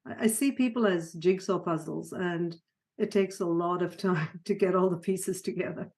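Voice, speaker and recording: A middle-aged woman from Sri Lanka, a psychiatrist guest on an interview, talking warmly with frequent laughs and restarts. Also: lowish voice, normal speed. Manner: warm, laughing, many restarts. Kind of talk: conversational interview.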